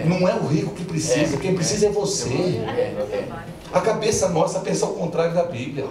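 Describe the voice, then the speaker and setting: A man's voice: high-pitched, lively intonation, brisk. Male pastor, playful call-and-response preaching; mic off at a distance in an echoey hall. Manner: preaching with jokes, drawing responses from the congregation. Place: large church hall with congregation. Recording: echoey church hall, from far off, crowd audible.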